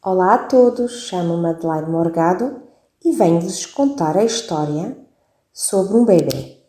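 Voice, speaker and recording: A woman storyteller reading a children's story aloud on the radio in a lively, expressive way. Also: fairly low pitch, unhurried, soft background music. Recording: roomy echo.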